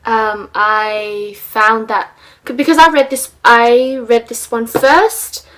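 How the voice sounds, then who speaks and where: A young woman talks through a book review in a relaxed vlog style. Her voice sits a little high, and she rambles, filling pauses with ums and small laughs. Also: poor audio.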